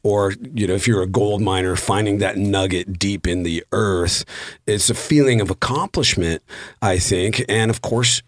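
A man's voice: fairly low pitch, moderate pace, dry recording. A man on a podcast, musing in a reflective, casual way. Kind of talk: casual chat. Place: small studio with several guests.

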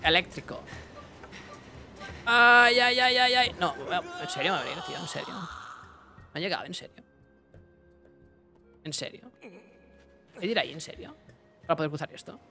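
A young man giving casual let's-play commentary, excitable, talking to himself and his chat with bursts of yelps. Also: fairly high pitch, a little fast, creaky, long pauses, faint music behind. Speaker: gaming streamer.

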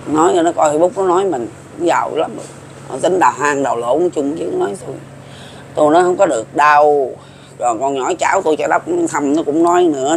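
Speaking slightly high with a creaky quality, this Southern Vietnamese man in his seventies rambles folksily to his viewers about folk prophecy, going over the same things again. A faint hiss or hum sits under the recording.

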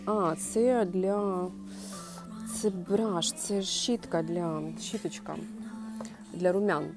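Chatty woman vlogging in a store. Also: medium pitch. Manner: chatty, thinking aloud, talks to viewers. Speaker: shopping vlogger. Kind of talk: casual shopping vlog. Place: inside a clothing and home goods store.

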